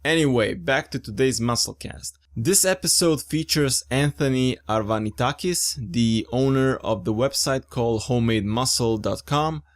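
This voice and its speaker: This fitness podcast host is a young man speaking at medium pitch and a moderate pace, with hardly any pauses. He keeps the casual chat upbeat, enthusiastic, and informal.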